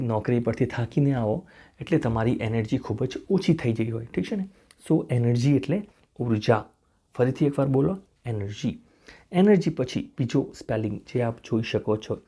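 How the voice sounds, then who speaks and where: A man's voice: mid-range voice, lively intonation, moderate pace, warm tone, breathy edge. A man teaching spoken English, spelling words out letter by letter, repeating each pronunciation and checking in with the viewer with a rising "okay?". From India.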